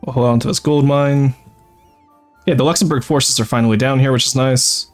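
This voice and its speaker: A male game streamer gives casual live commentary in a medium-pitched voice. He thinks aloud as he plans and speaks to his chat. Music plays behind his voice. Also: fairly even intonation, fairly quick. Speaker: streamer, VTuber.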